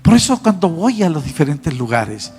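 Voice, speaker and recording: A man preaching his testimony to a congregation, telling his story in an animated way and acting out the dialogue. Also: a little high, moderate pace. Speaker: apostle preaching. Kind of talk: sermon testimony. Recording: long hall reverb with faint music.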